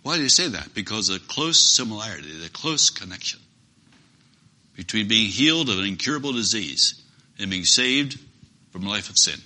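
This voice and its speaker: Bright-voiced earnest male preacher. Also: lowish voice, sing-song, normal speed. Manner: earnest, emphatic, with repeated phrases for stress. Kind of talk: sermon.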